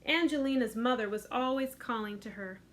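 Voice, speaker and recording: At storytime, a middle-aged children's librarian reads a picture book aloud. Her voice is gentle and expressive, fairly high, with sing-song lifts, and her pace runs a little fast.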